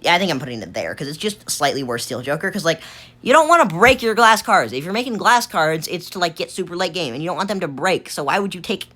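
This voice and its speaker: A woman with a low, slightly bright voice gives casual tier-list commentary on a card game as a gaming video creator. She rambles, thinking aloud with fillers and restarts.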